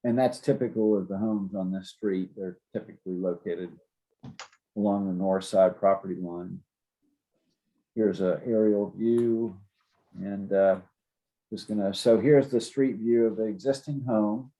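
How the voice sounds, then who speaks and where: A man's voice: on the low side, fairly even intonation, measured pace, mellow, low-quality recording. A man giving an informal, explanatory presentation as city zoning staff, plain-spoken and a little hesitant.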